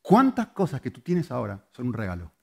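Husky man preaching with swings. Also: mid-range voice, huge pitch swings, fairly quick. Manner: shifts between loud emphatic and soft hushed delivery. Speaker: pastor. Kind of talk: sermon.

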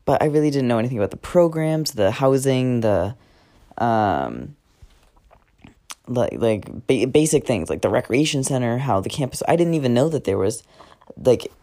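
A man's voice: medium pitch, lively intonation, moderate pace, mellow. A teenage guy talking casually in a diary-style podcast, rambling with many fillers and self-corrections. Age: teens. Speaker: podcast host.

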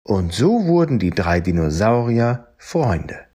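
A man reading a children's story aloud in a calm, gentle, expressive way. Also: on the low side, slow pace, slightly rough.

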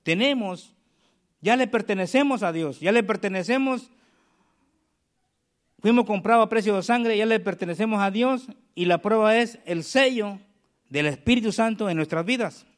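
A man preaching a sermon, reading scripture aloud slowly and calling the congregation for amens. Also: high voice.

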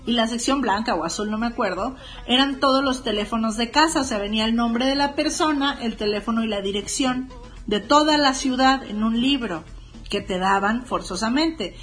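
Mexican woman podcast cohost, kinda high voice, laughing a lot, swearing thru her childhood stories. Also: moderate pace, fairly bright tone. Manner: laughing, crude slang-filled storytelling. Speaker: podcast co-host. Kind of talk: casual storytelling chat.

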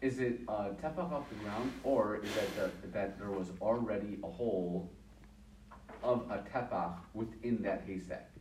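A man's voice: fairly low pitch, moderate pace. A man in a Talmud class asking the teacher a question, hesitant and questioning. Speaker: student in class. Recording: distant roomy sound with room noise.

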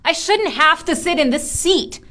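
A woman's voice: extremely high pitch, animated, a little slow, bright, forceful tone, heavily acted. An actress playing a rude, greedy woman who snaps and complains at everyone around her. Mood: scornful. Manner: snappy, scornful complaining. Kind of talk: scripted skit acting.

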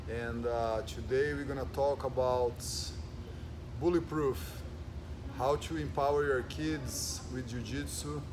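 A man from Brazil speaks with a Brazilian Portuguese accent in a relaxed podcast chat, earnest and steady. His voice sits at a middling pitch. A clear hum of background noise runs under the recording. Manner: earnest, with frequent "and, uh" fillers. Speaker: jiu-jitsu gym owner and podcast host.

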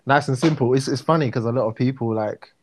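A man with a South London accent in casual conversation. His talk is easygoing and slangy, sprinkled with bro and man. His pitch sits in the middle for a male voice. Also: quick pace, a little hiss or hum. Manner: laid-back slangy talk, often says bro and man. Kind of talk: casual chat.

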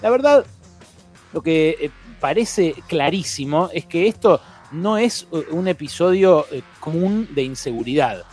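Argentine man giving a halting editorial. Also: fairly high pitch, lively intonation, a little mellow, soft background music. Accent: Argentine Spanish. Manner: unscripted, many "eh" fillers and self-corrections. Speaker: radio host giving an editorial. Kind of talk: spoken editorial commentary.

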